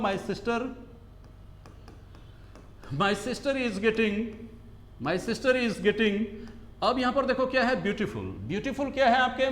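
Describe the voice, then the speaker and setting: Male coaching-class teacher, high voice, drills phrases with quiz questions, roomy echo. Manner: repeats phrases, asks rhetorical questions, drills slowly. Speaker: English grammar teacher. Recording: echoey classroom.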